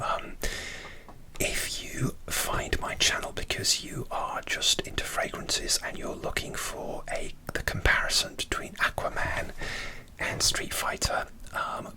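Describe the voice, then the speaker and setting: Whispered ASMR creator, breathy and unvoiced. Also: pushed and bright, poor audio.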